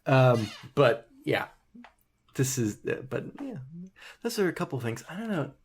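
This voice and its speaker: A man's voice: mid-range voice, sing-song, measured pace. A man from the United States co-hosting a podcast, chatting casually and rambling with lots of restarts. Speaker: podcast co-host. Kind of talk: casual chat.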